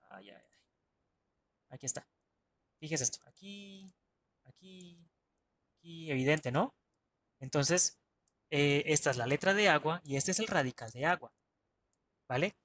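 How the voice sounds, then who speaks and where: A man's voice: a little high, fairly bright tone. Chatty male Mandarin teacher. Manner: chatty, self-correcting, asks "¿vale?" often. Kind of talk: online language class.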